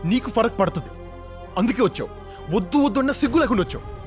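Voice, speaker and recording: An actor playing a proud, quick-tempered young man who fires off heated accusations in a film drama. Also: very high voice, lively intonation, darkish tone, soft background music. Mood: accusing. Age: young adult.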